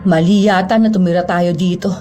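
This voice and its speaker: A woman voicing a worried middle-aged mother who speaks to her daughters in a soft, protective way. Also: lowish voice, fairly even intonation, fairly quick, faint music behind, close to an everyday voice. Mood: concerned.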